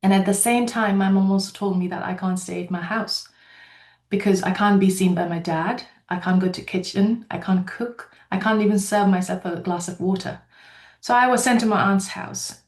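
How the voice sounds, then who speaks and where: Speaking at a webinar, a company founder from Nepal recounts her personal story with sincerity, her Nepali accent clear and ums frequent. She has a medium pitch, fairly even intonation and a moderate pace, heard in a reverberant space.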